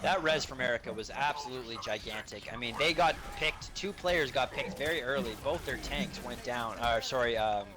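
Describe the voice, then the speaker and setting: A man's voice: medium pitch, normal speed, few pauses. A man giving explanatory color commentary on an esports match while losing his voice, breaking up his analysis with hesitant fillers.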